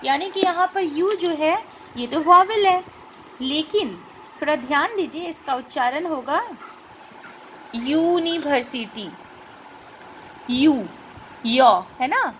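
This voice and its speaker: A woman teaching a grammar lesson. She explains patiently, checks in with rhetorical questions, and spells out and repeats sounds slowly. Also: high-pitched, animated, a bit bright, a little hiss or hum.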